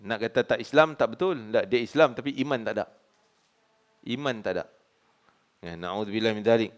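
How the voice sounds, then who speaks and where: A man's voice: mid-range voice, fairly quick. A man in his forties with a Malaysian Malay accent, teaching a hadith study class in a conversational way, often asking the audience "kan?". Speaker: religious teacher.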